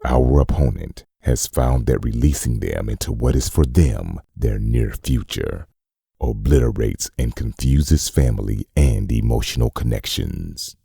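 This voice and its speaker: In scripted comic-dub narration, a man plays a grave, clinical narrator reading from a demon-hunting manual, his gravelly voice measured and formal. The voice is very deep and warm, heavily acted, and recorded at studio quality with no room sound. The mood is cold and instructive.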